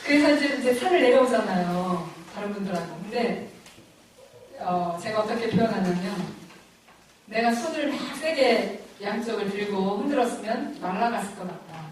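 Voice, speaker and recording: A middle-aged woman giving a personal faith testimony at a church lecture, telling her story in an animated, emotional way and laughing often. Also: mid-range voice, normal speed, heavy reverb, far from the mic, a little hiss or hum, rough recording.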